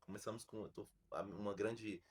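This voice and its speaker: A man from Brazil, a podcast host, telling a story in a casual, slangy, animated way with many restarts. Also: on the low side, normal speed, breathy edge.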